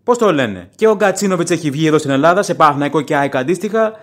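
A man's voice: fairly high pitch, animated, a bit bright. Opinionated man hosting a fan podcast. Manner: opinionated, plain-spoken and rambling. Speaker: podcast host and football fan. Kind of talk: casual solo podcast commentary.

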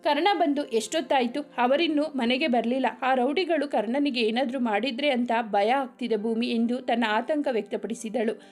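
A female storyteller reads a serialized family drama aloud. Her voice is high and light, her reading steady and expressive. Faint music plays beneath her. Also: moderate pace.

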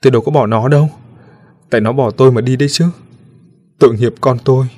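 Guy putting on a weeping ghost mom from a spooky storybook, high and pleading, loud and sobbing as she calls for her lost son. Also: flat delivery, brisk, close to an everyday voice. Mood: mournful. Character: grieving ghostly young mother searching for her son. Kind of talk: storybook reading.

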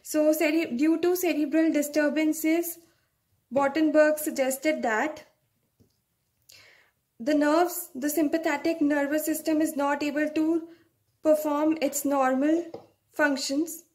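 A woman's voice: sits high, fairly even intonation, slow pace, pauses often, darkish tone. A young woman giving a medical lecture, explaining step by step and often checking with a "right?".

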